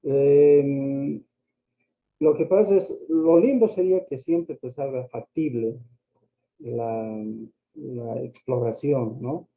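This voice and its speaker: Gravelly man over a crackly, choppy line. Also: medium pitch, takes it slowly. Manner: hesitant, full of fillers and tag questions. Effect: choppy, crackly lo-fi microphone line. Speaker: lecturer. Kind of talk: online accounting lecture. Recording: dull lo-fi sound, faint music behind.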